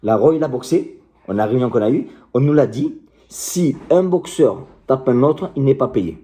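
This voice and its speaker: A man's voice: medium pitch, lively intonation, normal speed, dark tone. A middle-aged man, a martial arts coach, ranting to camera in a combative, passionate and crude way. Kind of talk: direct-to-camera rant.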